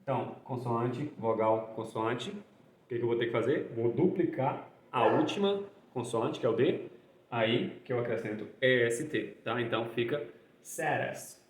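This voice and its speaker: A man teaching English grammar, ending phrases with a questioning "tá?" and slowing down to spell out and repeat examples. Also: mid-range voice, animated. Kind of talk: explaining grammar in Portuguese. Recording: roomy echo.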